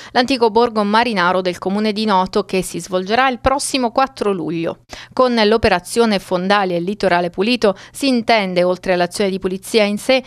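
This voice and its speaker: A woman reading regional news in a formal, even delivery. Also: medium pitch, smooth, no echo. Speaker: news reader. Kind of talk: scripted news narration.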